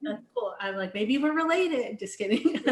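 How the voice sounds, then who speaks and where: A friendly woman hosts a casual video interview and asks questions in an upbeat way, with plenty of "um" and "like." Her voice sits a bit high. The sound is roomy and echoey. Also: animated, a little slow. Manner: upbeat, friendly, frequent fillers. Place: her home in a large US city.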